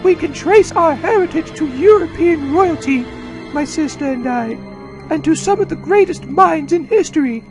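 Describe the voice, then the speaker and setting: A man's voice: very high-pitched, lively intonation, normal speed, voice pushed up. A man voicing a haughty, unhinged aristocrat villain with a pinched, snobby, jeering voice, with music behind. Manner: haughty, theatrical pronouncements.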